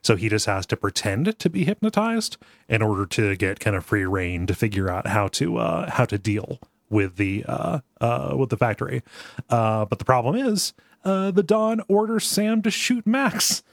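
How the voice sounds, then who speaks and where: A man's voice: mid-range voice, big pitch swings, normal speed, creaky, no room sound, studio quality. A man co-hosting a show, casually recapping a game story in an amused way, often chuckling. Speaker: co-host of a video game discussion show.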